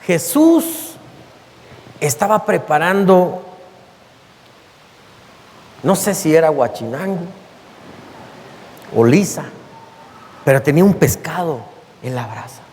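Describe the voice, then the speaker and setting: A Mexican pastor preaches in a voice that sits high for a man, pressing each point home and stretching out key phrases. His sermon rings through a church with a long, lingering reverb that trails after every line. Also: animated, a little mellow. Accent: Mexican Spanish. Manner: emphatic preaching, calls the listeners beloved, slows down for weight. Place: church sanctuary.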